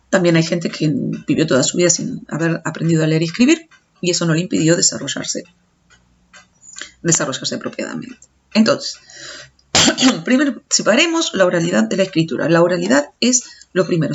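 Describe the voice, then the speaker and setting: A woman's voice: mid-range voice, gravelly, husky. A woman teacher giving a recorded audio lecture, explaining step by step and stumbling over restarts. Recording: dull lo-fi recording.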